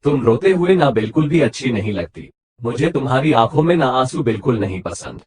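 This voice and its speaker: Guy reading a sweet coaxing young husband, soft apologies, husky, audiobook. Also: medium pitch, expressive, fairly quick.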